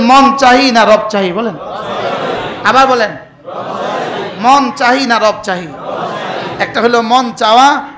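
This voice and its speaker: Preacher guy, really high voice, fired up, asks the crowd stuff, echoey sound. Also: a bit bright. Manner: fervent, call-and-response with the crowd. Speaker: Islamic preacher. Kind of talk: emotional Bengali waz sermon.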